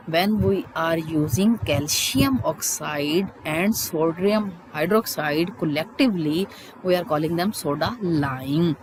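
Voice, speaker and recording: Halting teacher, noisy recording. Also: mid-range voice. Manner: halting, explanatory, repeats key terms. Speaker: chemistry teacher. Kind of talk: school lesson, reading and explaining textbook points.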